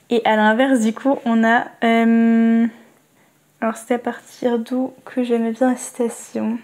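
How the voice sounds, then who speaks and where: A young woman talking casually about books and reading quotes aloud slowly, hesitating often with fillers. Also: fairly high pitch, darkish tone. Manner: hesitant, many fillers, reads slowly and carefully. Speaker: book vlogger.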